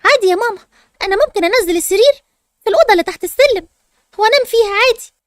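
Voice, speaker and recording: Excited little girl Hoor, voiced by a woman. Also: very high voice, no room sound, clean studio sound. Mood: pleading. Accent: Egyptian Arabic. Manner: quick, pleading, excited. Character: young girl Hoor, eager, secretive, pleading.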